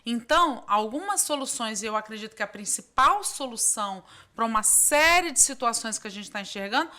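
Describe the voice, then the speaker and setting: A woman's voice: a little high, expressive, a little fast, sharp tone. A woman with a Brazilian Portuguese accent, an economist hosting a podcast, who often chimes in with agreement. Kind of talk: conversational interview.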